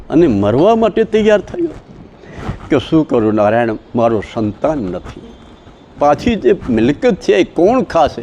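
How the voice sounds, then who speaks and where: A man's voice: on the high side, muffled recording, slight background noise. Gujarati man telling a devotional story. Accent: Gujarati (Saurashtra). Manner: dramatic, swings between loud exclamations and soft asides. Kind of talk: religious discourse with chanting. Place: outdoor village satsang gathering.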